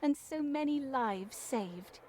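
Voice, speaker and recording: A woman's voice: high voice, lively intonation, slow, darkish tone, slight background noise. A woman voicing an admiring townsperson in a strategy game, sweet in manner.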